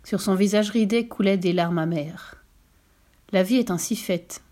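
A woman narrating a fairy tale aloud in a dramatic, animated storybook manner. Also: medium pitch, a little slow.

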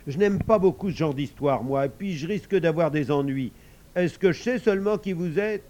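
A man's voice: fairly high pitch, normal speed, a little mellow, pitched above the performer's own voice, lightly acted. A man reading a storybook and voicing a hot-tempered, scolding father who runs a bar. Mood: wary. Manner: exasperated, scolding.

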